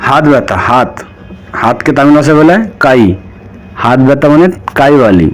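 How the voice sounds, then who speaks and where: A man with a Bengali accent, at an average pitch, teaches a spoken vocabulary lesson. He says each word over and over and poses questions that he then answers himself. The sound comes across like a radio broadcast. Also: moderate pace, faint music behind. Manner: repeats each word, asks and answers his own questions. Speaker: language teacher.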